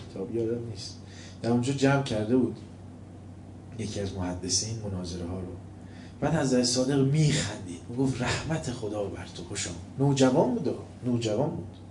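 A man preaching a sermon with told stories, swinging between loud mocking and quiet, calm storytelling. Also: mid-range voice, a little hiss or hum. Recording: echoey room, faint ambience.

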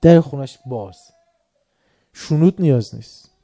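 Brief: male speaker with a deep-toned, warm voice, spinning a lively story with chuckles. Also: no echo, studio quality. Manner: lively anecdotal telling, chuckling. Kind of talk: storytelling religious talk.

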